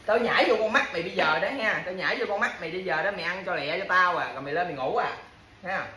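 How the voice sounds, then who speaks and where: A low-voiced woman races through her scolding of her partner at home, hammering the same complaints and idle threats over and over. Crowd noise is audible, and the casual bickering is captured in an echoey room with faint background noise.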